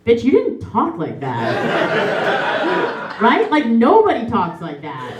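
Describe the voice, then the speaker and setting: A woman's voice: fairly high pitch, huge pitch swings, slow, heavy background noise, heavily acted. A young woman performing a comic monologue in a stage musical, chatty and self-mocking, full of fillers. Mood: wry. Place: theater stage, live. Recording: roomy stage with faint music.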